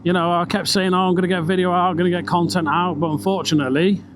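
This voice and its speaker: A British man with a slightly high voice vlogs from inside his helmet while riding a motorbike. He rambles along in a casual, chatty, sweary way. Engine and wind noise run clearly behind his enclosed-sounding voice. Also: flat delivery, racing. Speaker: vlogger. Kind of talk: casual ride-along motorbike vlog chat. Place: outdoors, riding a motorbike on country roads. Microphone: microphone inside a helmet. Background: motorbike engine and road noise.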